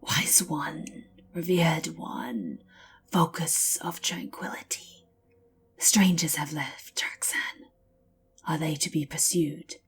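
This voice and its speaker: A woman voicing a reverent, servile reptilian scribe in an epic fantasy story, in a slow, fawning, breathy whisper. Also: sits low. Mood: reverent, deferential.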